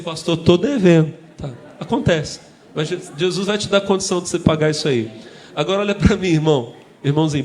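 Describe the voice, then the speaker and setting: A man's voice: fairly high pitch, roomy sound, poor audio. A man with a Brazilian Portuguese accent preaching a sermon as pastor, calling out to the congregation and joking with them between points. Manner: lively call-and-response with the congregation, joking asides. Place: church.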